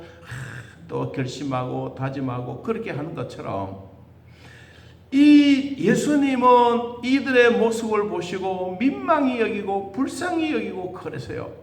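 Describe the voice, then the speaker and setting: A man preaching a sermon as pastor, asking rhetorical questions and acting out the voices he quotes. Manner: animated, with sudden high jumps in pitch and rhetorical questions. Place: church sanctuary. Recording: echoey church hall.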